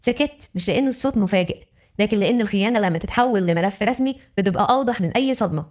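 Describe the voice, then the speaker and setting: A woman's voice: mid-range voice, very fast, darkish tone. A woman with an Egyptian accent narrating a dramatic first-person story in an emotional, intimate way. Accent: Egyptian Arabic.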